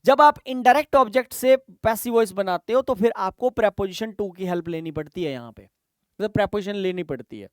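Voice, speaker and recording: A man's voice: high voice, lively intonation, moderate pace, smooth, no echo, clean studio sound. A male teacher with an Indian English accent explains grammar for an exam step by step, reading out English example sentences and checking in with "right?". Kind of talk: exam-prep lesson.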